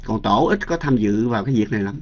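A man's voice: lowish voice, expressive, quick pace, a little mellow. A man, a Buddhist monk teacher telling a story in a dharma talk, chatty, with many fillers and repeated words. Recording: dull lo-fi recording.

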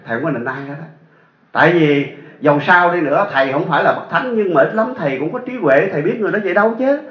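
Southern Vietnamese monk, high voice, chatty sermon storyteller, echoey lo-fi recording. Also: male voice. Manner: chatty, asks the audience rhetorical questions. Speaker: Buddhist monk teacher. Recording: echoey dull lo-fi sound.

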